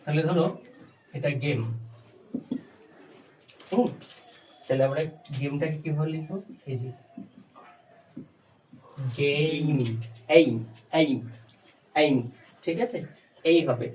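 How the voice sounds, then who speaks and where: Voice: mid-range voice, takes it slowly, pauses often, a little mellow. Patient teacher quizzing a learner, far mic. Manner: patient, quizzing with repeated questions. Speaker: spoken English teacher. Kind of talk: phonics lesson in Bengali. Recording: distant mic, faint background noise.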